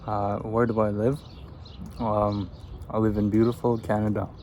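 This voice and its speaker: With a lowish, dark-toned voice and a level delivery at moderate pace, a twenty-something vlogger from Afghanistan chats casually over a meal outdoors. He answers get-to-know-me questions in a relaxed, rambling way, while birds and background noise come through.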